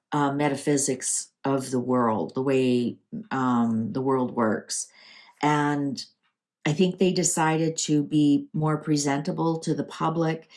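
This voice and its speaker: A low, slightly mellow voice belongs to a Canadian woman hosting her channel's casual tarot reading, which she improvises while talking through her thoughts conversationally.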